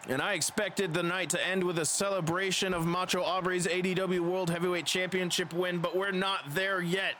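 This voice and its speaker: High-pitched male wrestling commentator, dramatic and excited. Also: normal speed, hardly any pauses, slight background noise.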